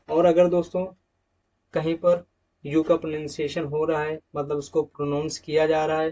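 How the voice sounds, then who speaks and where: A man with a voice on the high side teaches a slide-based English pronunciation lesson, explaining each rule in Hindi. He says each example word twice, and the audio is muffled and lo-fi with a dull sound.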